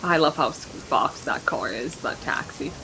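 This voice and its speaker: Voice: mid-range voice, moderate pace, bright, forceful tone, slight background noise. A co-streamer chatting casually, giggling and bantering. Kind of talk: casual chat.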